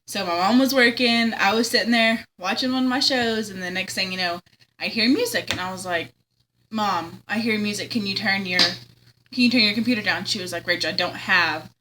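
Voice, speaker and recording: A woman's voice: mid-range voice, moderate pace, bright, forceful tone, slight background noise, low-quality recording. A young woman, casually telling a spooky story on the radio, chatty and giggly, acting out the voices she quotes. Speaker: caller telling a ghost story.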